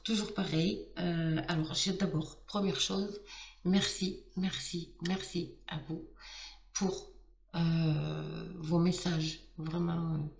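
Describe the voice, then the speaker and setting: A tarot card reader gives a casual astrology reading to camera, her slightly hoarse voice fairly low in pitch. Warm and excitable, she stumbles through restarts and fillers. She sits a little away from the mic, so the sound is distant and the room rings around her.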